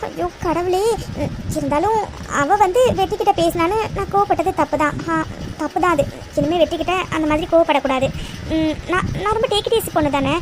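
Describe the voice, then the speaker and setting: A woman voicing a shrill, jealous young cartoon heroine. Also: background noise. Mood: fretting. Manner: frets aloud to herself, fast and high. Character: young woman Maha, jealous, insists she is calm. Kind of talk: Tamil cartoon voice acting.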